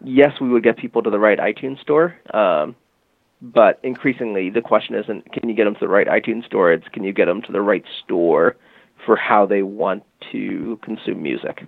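This guest, who works for a music marketing company, has a gravelly, fairly low voice and speaks at a moderate pace with no room sound. The call is a tinny phone line, and his explanation of the product is casual and packed with "um" and "you know."

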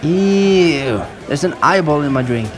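An actor playing a deadpan crewman with dark humour in a comic sci-fi audio drama. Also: on the high side, takes it slowly, crowd noise. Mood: teasing. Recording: noisy ambience behind.

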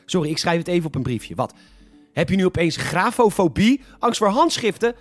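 A man hosting a scripted satirical news show, delivering sarcastic, mock-indignant commentary that sometimes bursts into shouting. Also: high-pitched, sing-song, brisk, no echo, faint music behind.

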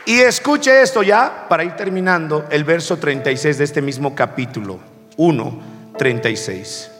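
Male pastor with a fairly high voice, slow, deliberate sermon storytelling, long hall reverb, soft music underneath. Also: crowd noise. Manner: slow and deliberate, addressing the congregation as brothers.

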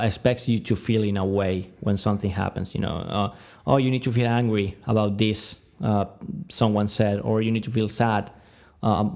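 A twenty-nine-year-old Argentine man with a Spanish-speaking accent appears as a podcast guest, giving reflective interview answers and often searching for words. His voice is lowish, creaky and a little mellow.

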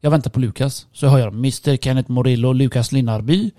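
A man's voice: medium pitch, no echo, clean studio sound. Young man telling a rowdy story. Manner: animated storyteller, crude slang, laughs often. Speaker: podcast co-host. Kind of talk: casual chat.

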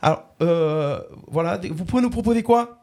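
A radio host doing a prank call, voicing a bumbling corporate communications manager who stammers and repeats himself. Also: male voice, sits high, normal speed, darkish tone, pitched below the performer's own voice. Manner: stammering, hesitant, repeats words.

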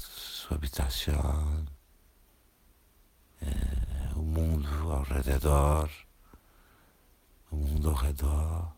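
Very deep, slow male meditation guide. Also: vocal fry, breathy edge. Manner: soothing, repetitive, gentle instructions. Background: music with singing bowl tones.

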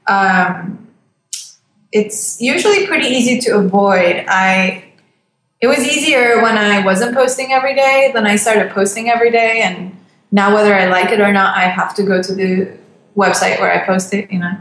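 A woman's voice: mid-range voice, normal speed, a bit bright. Woman in her twenties, roomy sound. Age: 20s. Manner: laughs often, hesitant and thoughtful. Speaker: guest. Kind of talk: casual conversation. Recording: roomy with faint ambient noise.

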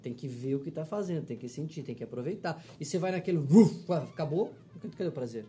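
A man's voice: a little high, expressive, very fast, warm tone, a little hiss or hum. A man in a casual chat who explains his ideas eagerly, repeating points for emphasis. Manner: explains ideas with enthusiasm and repetition.

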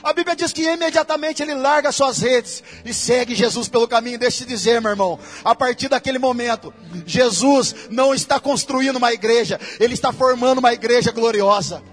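A Brazilian man preaching in a church with a very high voice. He keeps the sermon casual and full of slang and speaks straight to the congregation. Soft music plays behind him. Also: brisk. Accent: Brazilian Portuguese. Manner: casual, slangy preaching that addresses listeners directly.

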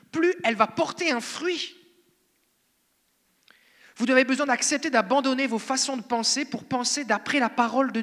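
Bright-voiced French man preaching. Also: very high voice. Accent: French (France). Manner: conversational, playful preaching. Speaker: pastor. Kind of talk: sermon. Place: church hall. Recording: reverberant church hall.

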